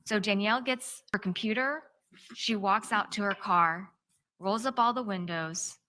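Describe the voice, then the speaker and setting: Woman, defense attorney, courtroom opening statement, bright sharp voice, measured step-by-step telling. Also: mid-range voice. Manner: tells events step by step in present tense, measured.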